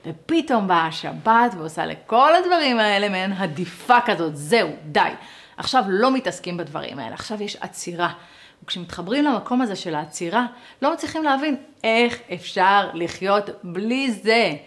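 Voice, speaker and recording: Animated woman teaching a lesson. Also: mid-range voice. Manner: animated, acts out quoted dialogue; conversational, speaks straight to listeners.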